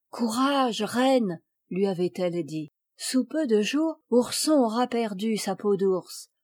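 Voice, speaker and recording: A woman reading a classic children's fairy tale aloud as an audiobook, lifting her voice for the characters' cries. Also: mellow. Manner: acts out the characters' cries with raised pitch and volume. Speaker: audiobook reader.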